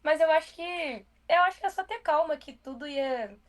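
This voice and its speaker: A young woman with a Brazilian Portuguese accent, a journalist guest in a casual interview, who talks quickly and loosely with many fillers. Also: high voice.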